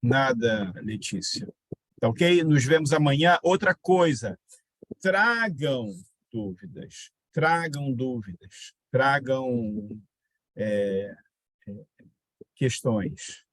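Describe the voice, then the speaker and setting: Slow, husky teacher. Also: male voice, mid-range voice, sing-song, dry recording. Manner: repeats and spells out example words, quizzes students. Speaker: Portuguese teacher. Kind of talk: online exam-prep grammar lesson.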